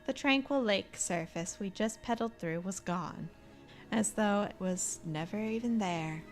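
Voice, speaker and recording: A woman's voice: mid-range voice, a little slow, soft background music. A woman reading game dialogue aloud in a theatrical manner, breaking off for casual asides.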